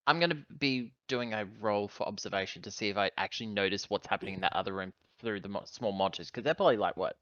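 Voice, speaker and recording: A male tabletop player describes his character's actions in casual game talk, rambling hesitantly and correcting himself as he goes. His voice is fairly low and a bit bright, quick with hardly any pauses, and the recording is dry, slightly dull, and has no room sound.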